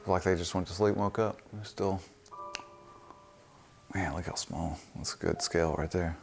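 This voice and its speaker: A man's voice: sits low, steady tone, normal speed, gravelly, a little mellow. A man making casual comments while watching a film. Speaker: film reaction host. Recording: film music playing behind.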